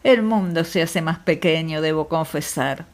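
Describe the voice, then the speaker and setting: Una mujer que lee en audiolibro a un médico rural alegre y afable, que habla con exclamaciones efusivas. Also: female voice, low-pitched, measured pace. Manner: effusive, exclamatory. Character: jovial exuberant male country doctor.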